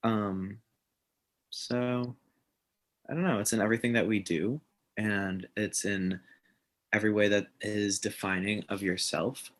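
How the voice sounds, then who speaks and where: A man's voice: on the low side, little pitch movement, measured pace, pauses often, fairly bright tone. A man who is a guest on a casual podcast, rambling and searching for his words.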